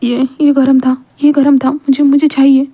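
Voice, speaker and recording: A woman voicing a clingy, half-dazed young man who is shivering from the cold, speaking softly and haltingly and repeating his words. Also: high-pitched, level tone, natural voice. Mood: pleading.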